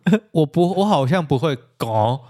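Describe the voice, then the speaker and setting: A man's voice: a little high, a little fast. Easygoing man explaining. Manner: relaxed, explains the point, imitates sounds. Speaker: podcast co-host. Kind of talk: casual chat.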